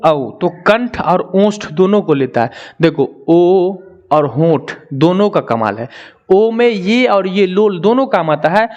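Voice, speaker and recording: Young man, a teacher with a slightly high voice, drilling sounds one by one. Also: a little mellow, muffled recording. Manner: drills sounds slowly, repeating syllables; asks viewers to comment and answer. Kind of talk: Hindi grammar lesson.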